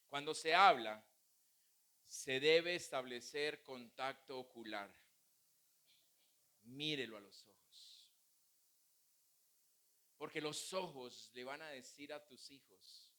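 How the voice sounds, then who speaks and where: A man's voice: mid-range voice, takes it slowly, pauses often, bright, forceful tone. A male pastor preaching a sermon, mixing humorous family stories with teaching. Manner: humorous, anecdotal preaching with acted quotes.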